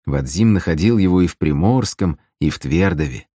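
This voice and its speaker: A man narrating a fantasy audiobook in a measured, even storytelling manner. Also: low voice, husky, no echo, clean studio sound.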